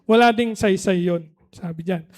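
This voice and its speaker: A man's voice: sits high, normal speed. A male pastor preaching in a conversational way, often checking in with the congregation and switching between languages. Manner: conversational preaching, frequent "di ba?" tag questions; switches between Tagalog and English mid-sentence. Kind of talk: sermon.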